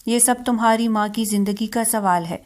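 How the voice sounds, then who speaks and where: A woman voicing a calm male doctor in a storybook reading, speaking gently and matter-of-factly. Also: fairly high pitch, natural voice. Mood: grave. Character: calm male doctor delivering bad news.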